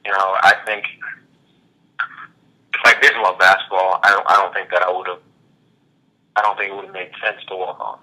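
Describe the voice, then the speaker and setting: A man in his thirties, a former college athlete, talking as an interview guest in a relaxed, reflective way with many fillers. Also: low-pitched, normal speed, pauses often, poor audio. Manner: relaxed, reflective, frequent "you know" fillers. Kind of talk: casual interview conversation.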